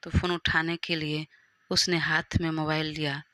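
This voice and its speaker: A woman narrating a romantic family audio story in a calm, even storytelling manner. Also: deep voice, normal speed, no echo.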